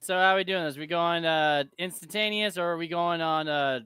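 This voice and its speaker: A man playing in an online tabletop role-playing game, talking excitedly, swearing and firing off quick asides. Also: on the high side, clean tone, no room sound, clean studio sound. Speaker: player.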